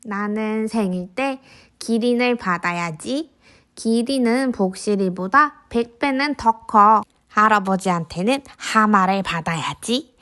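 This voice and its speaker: Woman as a daydreaming little boy, unhurried storybook voice. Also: medium pitch, a bit bright. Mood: dreamy, excited. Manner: childlike, simple storybook delivery for toddlers. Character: imaginative little boy envying his big sister's puppy. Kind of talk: picture book read aloud to young children. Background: background music.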